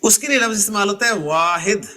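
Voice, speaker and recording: Bright high-voiced man teaching a grammar class. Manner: explains slowly, asks students by name, drills endings. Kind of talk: classroom lecture.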